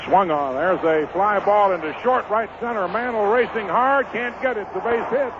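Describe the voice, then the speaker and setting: A high-pitched American man calls baseball at a moderate pace, using the short, clipped phrasing of 1950s radio sports. The broadcast comes from an outdoor ballpark and is muffled and noisy.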